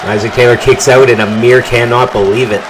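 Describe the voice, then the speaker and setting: A man calling a wrestling match play-by-play, his voice jumping up in pitch and volume on big moves and near-falls. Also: brisk, background noise. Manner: excited calls that rise on big moves and pin counts. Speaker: wrestling commentator. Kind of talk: play-by-play commentary.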